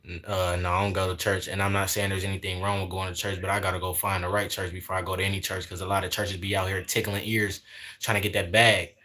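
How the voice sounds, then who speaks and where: A man's voice: low-pitched, level tone, quick pace, pushed and bright. Young man preaching casually on livestream. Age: 20s. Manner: preachy, repetitive, sprinkles in "man" and "y'all". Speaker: livestream host.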